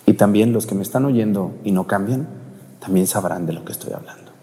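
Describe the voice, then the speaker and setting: Mellow Mexican priest preaching. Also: male voice, lowish voice, fairly quick. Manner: storytelling, direct address to the congregation. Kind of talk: sermon. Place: church. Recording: reverberant church.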